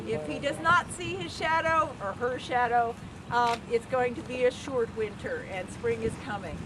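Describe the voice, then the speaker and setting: High-voiced woman hosting outdoors. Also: moderate pace. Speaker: ceremony host, groundhog handler. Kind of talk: informal public welcome speech. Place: outdoor town square. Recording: loud outdoor wind and street noise.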